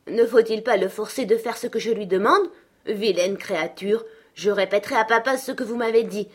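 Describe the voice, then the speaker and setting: A woman reader voicing a spoiled, haughty young girl who is quick to tears, speaking imperiously. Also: medium pitch, voice pushed up, lightly acted. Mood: indignant. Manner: imperious, indignant. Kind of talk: audiobook character voice.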